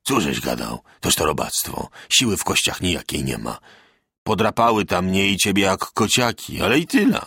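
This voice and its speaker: A man voicing a burly, boastful peasant soldier with a hoarse, rough voice and rustic country speech, dropping well below his own pitch. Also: very animated, moderate pace, bright, forceful tone, dry recording, clean studio sound, heavily acted. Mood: scornful boast. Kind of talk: storybook reading.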